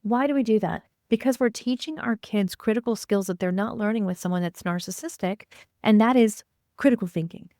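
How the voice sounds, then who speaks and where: A woman's voice: mid-range voice, brisk, dark tone, no room sound, studio quality. A woman guest on a podcast, a co-parenting coach who talks emphatically and keeps checking in with tag questions. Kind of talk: podcast interview, casual chat.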